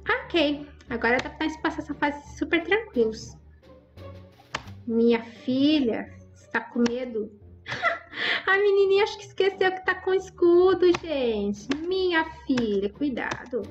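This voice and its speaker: A woman's voice: sits high, animated, a little slow, lo-fi sound, faint music behind. A woman giving chatty, exclaiming commentary over her Roblox gameplay and talking straight to her viewers. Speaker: gaming YouTuber.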